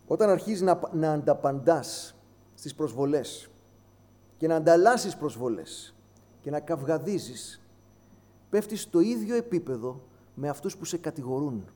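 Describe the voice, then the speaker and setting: A man preaching a sermon, switching between hushed low phrases and raised emphatic ones. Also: expressive. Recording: long hall reverb with mains hum.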